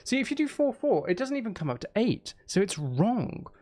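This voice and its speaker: On a live stream, a man chats casually while editing music, thinking out loud, repeating phrases and second-guessing himself. His voice sits high and sing-song with a darkish tone, he talks fairly quickly, and there's no echo.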